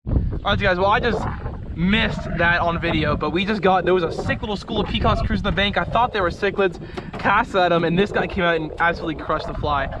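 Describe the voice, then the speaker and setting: A young man giving excited casual fishing vlog commentary in frat-bro slang, saying dude constantly. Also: high-pitched, fairly quick. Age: young adult. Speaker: fishing vlogger. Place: outdoors on small boat on canal. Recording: windy outdoor noise on boat.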